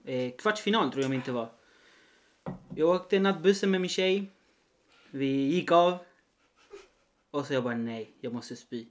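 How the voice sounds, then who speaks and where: Lively young man from Chile, laughing. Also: on the high side, long pauses. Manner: laughs often, animated storytelling with acted-out quotes. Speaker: podcast co-host. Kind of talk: casual chat.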